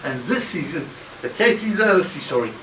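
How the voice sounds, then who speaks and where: A man hosts a comedic football academy promo, rambling, joking, and tripping over his own restarts. His voice sits fairly high. He is recorded from a distance in an echoey room, with faint ambience behind him. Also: expressive, fairly quick, pushed and bright, a little hiss or hum. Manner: rambling, stammering, jokey.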